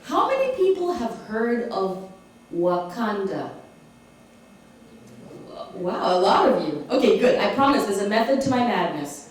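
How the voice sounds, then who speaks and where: A woman's voice: medium pitch, big pitch swings, measured pace, pauses often, recorded from a distance. A woman from Malawi giving an author talk to an audience, engaging them with questions and laughing often. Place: community hall. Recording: echoey hall recorded from afar.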